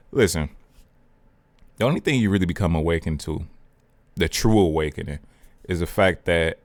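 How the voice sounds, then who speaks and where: A man with a very low voice talks casually about spiritual growth, loose and slangy. He drifts off topic and cuts himself off mid-thought. The sound is dry, with no room echo. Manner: rambling, digressive, self-interrupting; slangy and conversational. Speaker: spiritual video host. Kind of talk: casual spiritual talk to camera.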